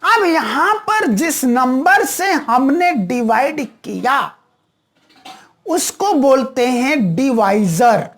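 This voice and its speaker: A woman's voice: sits high, expressive, drawn-out words. A woman teaching a maths lesson, patiently repeating each step and answering her own questions.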